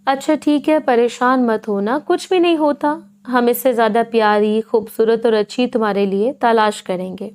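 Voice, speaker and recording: A woman voicing a caring young aunt who talks softly and soothingly. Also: fairly high pitch, few pauses, clear, resonant tone, natural voice. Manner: soft, soothing reading.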